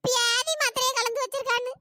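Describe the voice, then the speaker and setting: A woman voicing a scheming, gossiping old village woman in a comic skit, with a shrill, chattering manner. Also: flat delivery, a little fast. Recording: noisy home recording.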